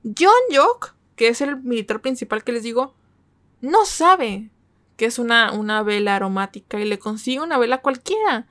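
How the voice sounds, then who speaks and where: A woman's voice: a little high, animated, moderate pace, fairly bright tone, dry recording. A woman from Mexico, chatting casually as she reviews a series and keeps checking that listeners are following. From northern Mexico. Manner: chatty, asks listeners for agreement with frequent tag questions. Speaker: K-drama reviewer.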